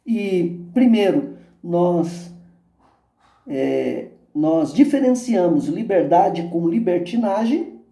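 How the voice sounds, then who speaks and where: Man, Brazilian Portuguese accent, video lesson teacher, very mellow dark tone, echoey room, calm and unhurried. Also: high voice. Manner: calm, unhurried, addresses students directly with frequent "ok?"; reads a poem and a parable aloud expressively. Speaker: religious education teacher.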